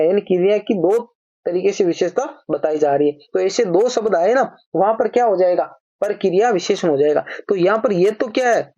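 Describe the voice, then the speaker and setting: A woman teaching a grammar lesson at a measured, repetitive pace, posing a question and then answering it herself. Her voice is mellow and dark, and she slows down to read each example sentence. The recording sounds a little dull and lo-fi. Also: medium pitch. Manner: explains by repeating each point as a question and answer; reads example sentences slowly, addresses viewers as brother.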